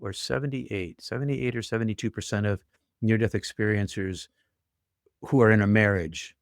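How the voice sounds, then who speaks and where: A man's voice: lowish voice, fairly even intonation, moderate pace, dry recording, studio quality. An older man telling his own story in an interview, earnest and vivid, acting out the voices he heard. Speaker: guest telling his near-death story.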